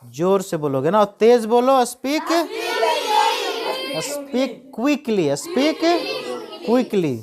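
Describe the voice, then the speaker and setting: A woman teaching spoken English to children with an Indian accent, slowly repeating each English phrase after explaining it in Hindi. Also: medium pitch, big pitch swings. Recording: loud crowd and noise behind.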